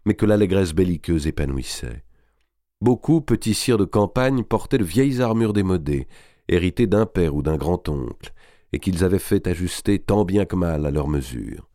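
A man reading a historical novel aloud as audiobook narration, measured and expressive. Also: on the low side, no room sound, clean studio sound.

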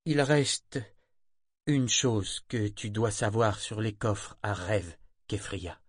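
A man voicing a stern elderly grandmother who speaks gravely and deliberately in an audiobook. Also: on the low side, lively intonation, no room sound, clean studio sound, full character voice.

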